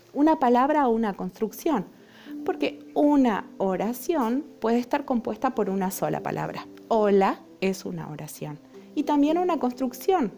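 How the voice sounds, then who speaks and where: A woman's voice: fairly high pitch, gravelly, dark tone. A young adult woman teacher, explaining a lesson patiently and often checking in with her students. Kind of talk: recorded online lesson.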